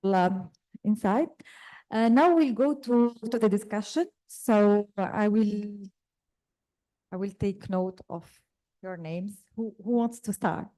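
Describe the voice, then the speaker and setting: A woman's voice: mid-range voice, slow, mellow. A woman moderating a conference discussion, calling on speakers with some hesitation. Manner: hesitant, apologetic, managing the floor.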